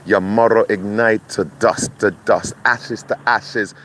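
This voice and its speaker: Slow menacing man, engine rumble behind. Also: steady tone, fairly bright tone. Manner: slow, threatening, breaks into chanted incantations. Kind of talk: menacing spoken curse monologue.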